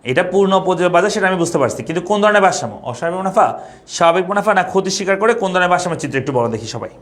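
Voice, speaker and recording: A man's voice: high-pitched, animated, very fast, fairly bright tone. A young man from Bangladesh teaching an economics class online, repeating points and asking students questions. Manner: repetitive, asks students questions.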